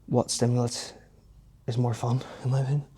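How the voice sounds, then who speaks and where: A man's voice: mid-range voice, completely flat delivery, a little fast, dark tone, slightly rough. A young man giving casual, matter-of-fact commentary on his training between weightlifting sets in an informal way. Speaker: fitness vlogger.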